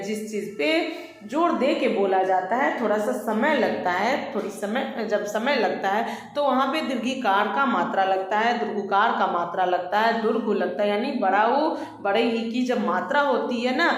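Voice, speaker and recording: A woman teacher speaks in a slightly high voice, patient and repetitive as she drills young pupils on grammar. She stretches example words out slowly to show their stress. Her voice rings through a very echoey room with a long reverb tail. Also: slight background noise. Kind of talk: online Hindi grammar lesson for children.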